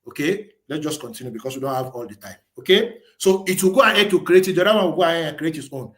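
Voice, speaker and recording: A man's voice: a little high, animated, racing, a bit bright. A man presenting a webinar as a live screen-share tutorial, thinking aloud as he types, restarting and correcting himself.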